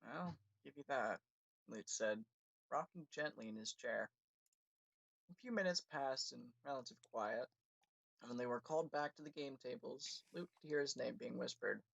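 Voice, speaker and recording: Brief: a male streamer narrating his own writing, with a gravelly voice and a dry, close sound. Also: medium pitch, normal speed, fairly bright tone, no echo, poor audio. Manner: casual, with self-corrections and laughs. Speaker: livestream host and writer. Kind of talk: reading his own story aloud.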